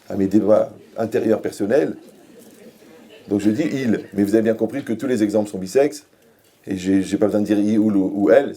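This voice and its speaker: A rabbi delivers a Torah lecture in a lowish, warm voice, blending jokes with rhetorical questions aimed at his audience.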